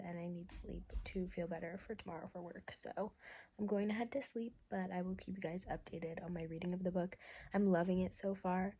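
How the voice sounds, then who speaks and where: Young woman, sick, gravelly fry and mellow tone, excitable diary vlog. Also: lowish voice. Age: young adult. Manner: excitable, half-whispered at times. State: sick, with a sore voice. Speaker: vlogger. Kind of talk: casual video diary.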